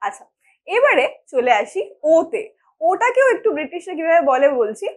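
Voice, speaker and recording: A woman's voice: very high-pitched, big pitch swings, normal speed. A woman teaching a spoken English lesson, explaining patiently and often checking that her learners follow.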